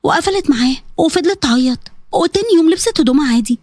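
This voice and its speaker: A woman with an Egyptian accent, narrating a dramatic story in a brisk manner. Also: high voice, lively intonation, a little mellow, no echo.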